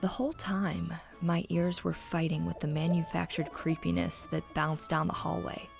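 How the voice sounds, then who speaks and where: A woman narrating a scary story in the first person with a low, husky, breathy voice and a hushed, haunting delivery. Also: level tone, moderate pace, soft background music.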